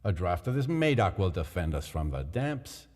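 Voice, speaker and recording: A man playing a sly nobleman with feigned concern, coaxing in a deep voice that rises and falls widely. A long hall echo trails each phrase. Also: very animated, normal speed, a little mellow. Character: scheming, falsely concerned male nobleman.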